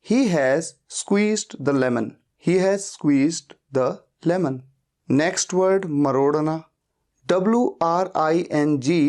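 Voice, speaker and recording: Slow, deliberate teacher. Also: medium pitch, darkish tone. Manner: spells words letter by letter, repeats each sentence slowly. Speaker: English teacher. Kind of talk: slow vocabulary lesson.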